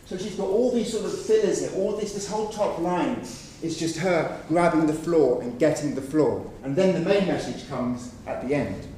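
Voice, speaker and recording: A man with a fairly high, mellow voice speaks at a normal speed with hardly any pauses while giving a research presentation in a conference room. He explains examples patiently, often hedging with "sort of." The recording is echoey, with a distant mic and faint noise.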